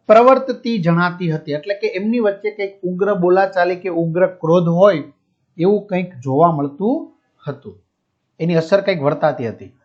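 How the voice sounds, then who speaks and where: A male teacher explaining a textbook chapter, glossing each word with a simpler one and asking and answering his own questions. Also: high voice. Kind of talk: explaining a school textbook lesson. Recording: dull lo-fi audio.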